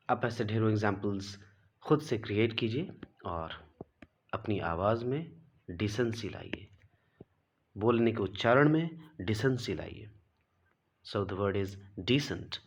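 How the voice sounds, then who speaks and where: Slow, husky male language teacher. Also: fairly low pitch. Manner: spells words letter by letter and repeats them, asks "right?". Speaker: English pronunciation teacher. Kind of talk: classroom lesson, explaining rules slowly.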